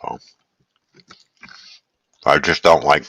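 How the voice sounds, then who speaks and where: A man hosting a casual live stream, chatting in a relaxed, rambling way and greeting viewers while he eats. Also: rumbling low, extremely slow, slight background noise. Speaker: livestream host.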